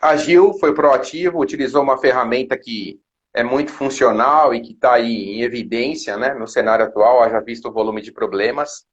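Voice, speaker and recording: A Brazilian man hosting a live interview, asking long, smoothly framed questions over a video call. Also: mid-range voice, normal speed, lo-fi sound. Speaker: host.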